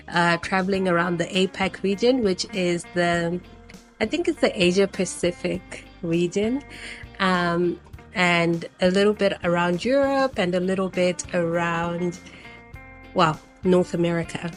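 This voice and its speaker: A woman from Zimbabwe, around her thirties, chatting casually to camera as a travel vlogger, meandering with frequent ums. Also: fairly low pitch. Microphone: new personal microphone set.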